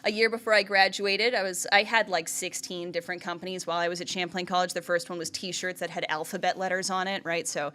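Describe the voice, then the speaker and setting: A woman's voice: on the low side, fairly even intonation, fast talker, few pauses, fairly bright tone. A woman in her thirties from Vermont gives a presentation. She speaks in a chatty way, with lots of "like" and "right?", and laughs often. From United States (Vermont). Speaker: entrepreneur giving a presentation. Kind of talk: presentation talk.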